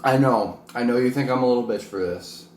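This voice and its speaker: A man's voice: mid-range voice, brisk, darkish tone. A man chatting casually and informally to camera as a vlog host, rambling a little and poking fun at himself. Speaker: vlog host and amateur wrestler. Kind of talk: casual chat to camera while eating hot wings. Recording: roomy echo with faint background noise.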